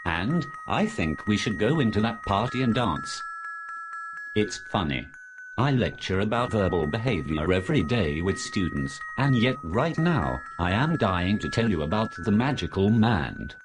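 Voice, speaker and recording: Man playing a deep-voiced, musing zombie professor. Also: very animated, a little slow, music in the background. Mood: bemused, agreeable. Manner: musing, talking to himself. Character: absent-minded male behaviorist professor turning zombie, brooding, distracted. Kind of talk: scripted comic horror audio drama.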